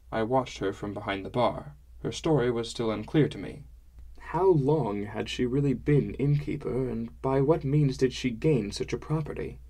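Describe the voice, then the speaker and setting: A man narrating a fantasy audiobook in a measured, wry first-person style. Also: mid-range voice, dark tone.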